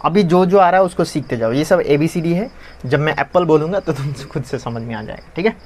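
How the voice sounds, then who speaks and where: A man's voice: on the high side, animated, brisk, darkish tone. A young man teaching a lesson in a conversational, classroom style. He asks questions and answers them himself, repeating the key terms.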